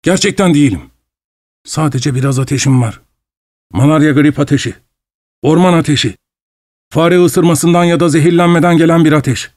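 A feverish, frightened scientist, as a storyteller puts him on, his voice pushed high and tight with panic. He pleads and rattles on, high-strung and trembling. The sound is dry and close. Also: normal speed, long pauses, darkish tone, no echo, lightly acted. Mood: agitated. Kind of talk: audiobook character voice.

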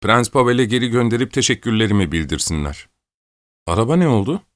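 A man's voice: medium pitch, expressive, fast, dry recording, studio quality, voice pushed up, natural voice. A man voicing an imperious, fussy old countess who scolds and orders people about in an audiobook. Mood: scolding. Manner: scolding, peevish, bossy. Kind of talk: audiobook character voice.

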